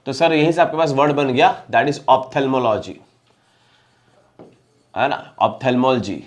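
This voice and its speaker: Indian guy teaching vocab, asks then answers himself, says each word slow. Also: mid-range voice, animated. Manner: asks and answers his own questions, repeating each word slowly. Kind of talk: classroom-style lesson.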